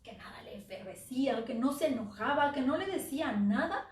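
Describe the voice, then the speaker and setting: A woman storyteller tells a dark tale slowly, sinking at times to a hush. Her voice sits a little high and echoes through a theater from some way off the mic. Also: lively intonation, distant mic. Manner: slow, dramatic, dropping to near-whispers. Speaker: oral storyteller. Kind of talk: dramatic live story narration. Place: theater stage.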